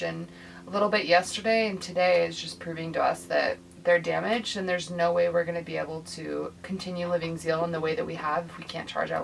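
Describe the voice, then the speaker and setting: A woman with a gravelly, creaky voice chats easily in a casual vlog. She sounds set back from the mic, with clear outdoor noise around her. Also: lowish voice, recorded from a distance, poor audio. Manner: easygoing, chatty, short interjections. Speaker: vlogger. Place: outdoors by a converted bus.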